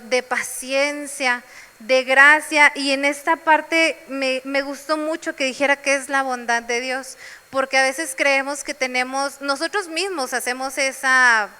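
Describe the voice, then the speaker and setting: A woman's voice: high-pitched, sharp tone, clear, resonant tone, long reverb tail. A woman preaching a sermon in a church, sharing personal testimony.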